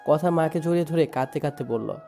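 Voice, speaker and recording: A man's voice: fairly high pitch, fast talker, warm tone, faint music behind. A man narrating a first-person dramatic story in a sorrowful, emotive way. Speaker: narrator and lead voice.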